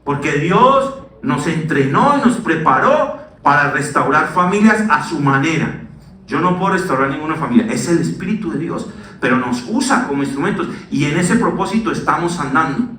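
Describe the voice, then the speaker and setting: High-voiced preacher in an echoey church. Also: male voice, normal speed, far from the mic, a little hiss or hum. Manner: animated preaching with sudden drops to a hush. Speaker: pastor. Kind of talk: sermon. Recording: echoey church hall, voice from the mic.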